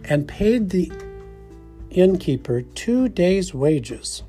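A man preaching a sermon, explaining in a measured teaching tone. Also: high-pitched, big pitch swings, warm tone, breathy edge, soft background music.

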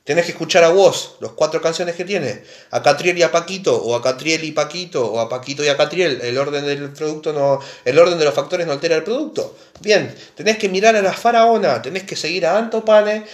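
A man's voice: a little high, brisk, few pauses, roomy sound. A man with a Rioplatense Argentine accent giving a sarcastic, mock-serious advice monologue, rambling and often checking that the listener follows. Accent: Rioplatense Argentine Spanish. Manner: sarcastic, rambling, keeps asking "¿me entendés?". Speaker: vlogger.

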